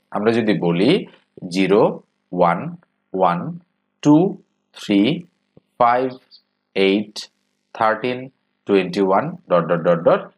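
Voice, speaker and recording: A man with a Bangladeshi Bengali accent teaching an exam-prep math lesson, explaining step by step, asking rhetorical questions and filling pauses with "ah". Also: medium pitch.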